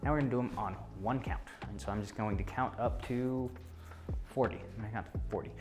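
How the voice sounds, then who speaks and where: A taekwondo instructor leads a martial arts class, giving short, clipped counts and commands along with explanations of drills. His fairly low, creaky voice runs a little fast, with music playing in the background.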